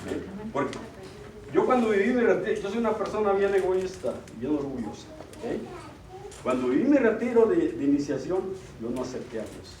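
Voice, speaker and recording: Speaking at a moderate pace in a very animated, high-sitting voice, a middle-aged man delivers an earnest church retreat talk as a lay speaker. He keeps checking in with the audience by asking "ok?". The recording comes from a distance in a roomy hall with noisy background.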